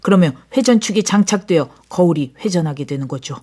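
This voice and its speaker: A woman voicing a mysterious, calm older foreign man in an audiobook drama, speaking low, hushed and measured. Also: husky. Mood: explaining.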